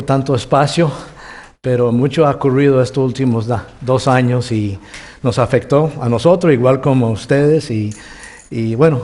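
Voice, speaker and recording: A medium-pitched man from California, United States, teaches from the Bible to a congregation in a sermon, speaking with Costa Rican and Mexican Spanish. He is warm and chuckles often, though his delivery halts with many restarts.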